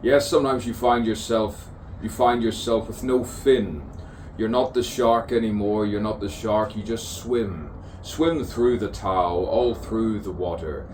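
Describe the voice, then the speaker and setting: Pitched fairly low, this poet's voice carries a theatrical, musing stream of consciousness improvised on an avenue. He keeps repeating phrases insistently and plays with rhymes, while the distant recording captures clear outdoor noise and the cawing of crows and birds.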